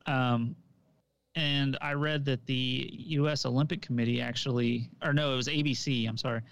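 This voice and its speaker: A man's voice: medium pitch, steady tone, normal speed, creaky, fairly bright tone, clean tone, dry recording. A man who coaches, co-hosting a casual podcast chat in an easygoing, hedging way full of "like" and "um".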